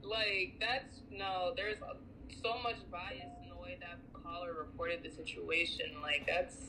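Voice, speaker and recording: A woman from the United States co-hosting a casual podcast, talking in an animated, filler-heavy way. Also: lowish voice, measured pace, slight background noise, low-quality recording. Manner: animated, chatty, many fillers. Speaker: podcast co-host. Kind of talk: casual chat.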